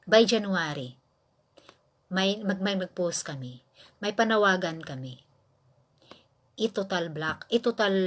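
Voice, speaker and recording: A woman from the Philippines giving earnest, emphatic commentary on a casual livestream, often pausing to ask rhetorical questions and restarting her sentences. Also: mid-range voice, fairly bright tone. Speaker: livestream host.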